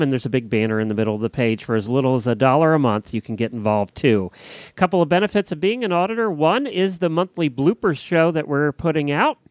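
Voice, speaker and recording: A man hosts a podcast, chatting informally and reading show announcements conversationally. His voice is on the high side, and the recording is dry.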